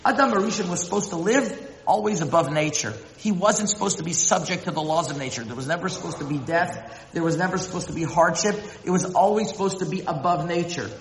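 A man giving a religious lecture as a Torah teacher, often halting and repeating words as he searches for them. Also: a little high. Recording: echoey hall with long reverb.

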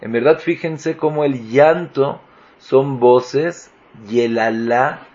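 A man's voice: mid-range voice, slow, a little mellow, highs cut off. A man giving a Torah lesson as a rabbi, posing rhetorical questions and rising with emphasis. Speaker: rabbi teaching.

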